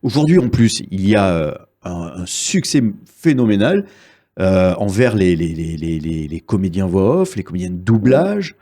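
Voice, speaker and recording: A man's voice: low-pitched, very animated, normal speed, mellow. A man hosting an interview podcast, chatting enthusiastically with his guest. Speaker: podcast host.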